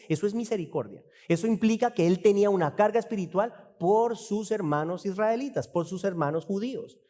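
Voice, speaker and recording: A man's voice: sits high, dark tone, in a large hall. A man preaching an expository sermon as pastor, asking rhetorical questions and acting out dialogue. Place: church.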